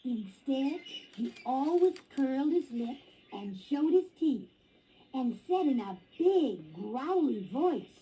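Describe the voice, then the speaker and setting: A woman slowly and gently narrating a children's story record, reading with deliberate care, on a dull lo-fi vinyl recording. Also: high voice, sing-song, slight background noise. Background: guitar music.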